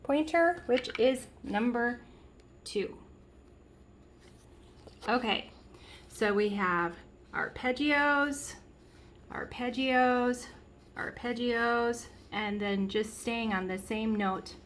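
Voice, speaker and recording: A woman's voice: a little high, very slow, pauses often, fairly bright tone, slight background noise. A woman giving a step-by-step piano lesson, patiently explaining and counting and half-singing the beats aloud. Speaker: piano teacher. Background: piano played along.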